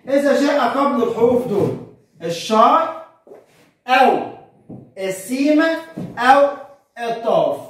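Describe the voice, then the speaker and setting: Egyptian monk teaching a lesson, high voice, spells stuff out slow, super echoey and far off. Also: male voice. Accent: Egyptian Arabic. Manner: asks questions and answers them himself; spells words out slowly, syllable by syllable. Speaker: monk priest teaching Coptic. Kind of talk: beginner language lesson. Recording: very echoey room, far from the mic.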